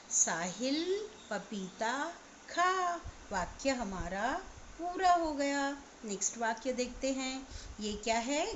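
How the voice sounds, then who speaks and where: Woman teacher, slow sound-by-sound spelling for little kids, dull lo-fi audio, faint hiss. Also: high-pitched, a bit bright. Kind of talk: online class for young children. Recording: slightly dull, lo-fi recording.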